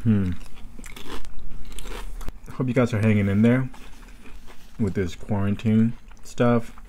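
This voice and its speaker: A man's voice: on the low side, fairly even intonation, takes it slowly, dark tone, slight background noise. A man in his thirties chatting casually while eating, chewing between phrases, recorded in a room at home. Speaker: mukbang vlogger. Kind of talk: casual chat. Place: small room at home, indoors.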